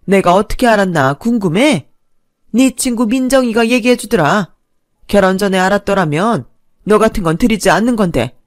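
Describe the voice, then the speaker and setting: A high, loud, scornful mother-in-law berates and belittles her daughter-in-law, as a woman puts her on. Her tone is sharp and contemptuous. The voice is close and dry, with no room around it. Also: dry recording, lightly acted. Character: shrill scolding older mother-in-law.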